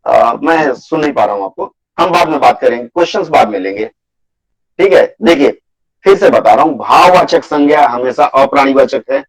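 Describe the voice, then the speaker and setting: A man teaching a Hindi grammar class over a video call, patiently repeating his points and slowly listing example words for students. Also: medium pitch, lively intonation, creaky, rough recording. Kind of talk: live online class lecture.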